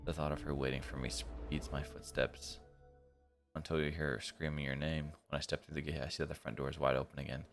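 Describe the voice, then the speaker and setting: A man streams a visual novel, dramatically reading its text aloud and breaking off for blunt, slangy, casual reactions. His voice is extremely low, creaky, flat and a little fast, with loud game music playing behind it.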